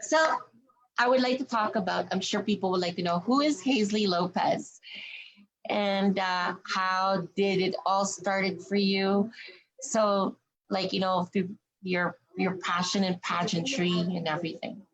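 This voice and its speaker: A woman's voice: mid-range voice, fairly even intonation, measured pace, dull audio. A woman hosting an interview, speaking emphatically and asking loose, rambling questions in casual conversation. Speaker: interview host.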